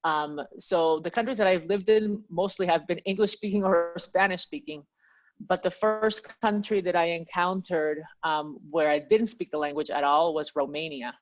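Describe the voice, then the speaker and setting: Guest: Peruvian-born woman, low voice, friendly and chatty, muffled lo-fi audio. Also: steady tone, normal speed. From Peru. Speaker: guest, language teacher. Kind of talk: casual interview chat.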